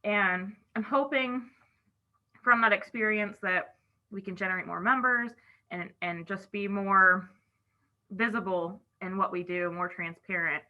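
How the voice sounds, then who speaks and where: A woman's voice: medium pitch, measured pace. A woman chapter officer leading an online meeting in a chatty way, talking around a cough drop in her mouth. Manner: chatty, many "I feel like" asides. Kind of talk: casual online meeting talk. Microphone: video call. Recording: dull lo-fi call audio.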